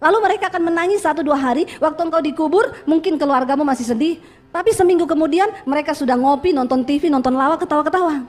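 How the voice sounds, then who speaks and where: A woman pastor with a very high voice preaches to her congregation, telling stories and acting out what people said. She keeps throwing questions back at the listeners. Soft music plays faintly underneath. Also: fast. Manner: lively storytelling sermon with quoted voices and rhetorical questions. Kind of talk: sermon.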